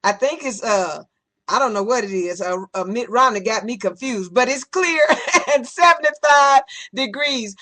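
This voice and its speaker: High, bright, campy woman host. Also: lively intonation. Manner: campy, flamboyant, theatrical, with drawn-out endearments. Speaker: talk show host. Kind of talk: exuberant live talk radio chat. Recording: music and crowd noise behind. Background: music and cheering audience.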